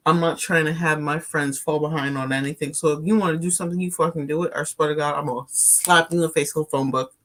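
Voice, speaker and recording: A podcast co-host who teases a friend bluntly and swears freely in loose chat. The voice sits at a middle pitch and talks in quick bursts. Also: steady tone, a bit bright. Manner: blunt, teasing and profane.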